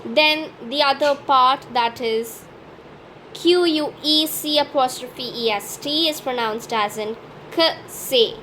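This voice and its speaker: Female language-teacher host, high voice, unhurried deliberate delivery, faint hiss behind. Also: pushed and bright, poor audio. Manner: careful, deliberate pronunciation drills. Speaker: French teacher and channel host. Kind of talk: slow instructional explanation.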